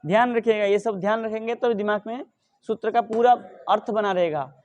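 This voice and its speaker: A middle-aged man teaching Sanskrit grammar, asking questions and answering them himself, reciting the rules slowly. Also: high voice, a little mellow. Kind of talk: explaining grammar rules in a lesson.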